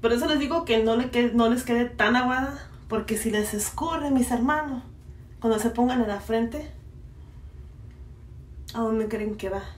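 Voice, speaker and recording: A woman's voice: fairly high pitch, unhurried, pauses often. Casting a Mexican woman, playful beauty vlog chat, echoey room, distant mic. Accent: Mexican Spanish. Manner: chatty, playful, addresses viewers directly. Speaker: beauty vlogger. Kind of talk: casual chat while applying a face mask. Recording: echoey room, mic far off, faint noise.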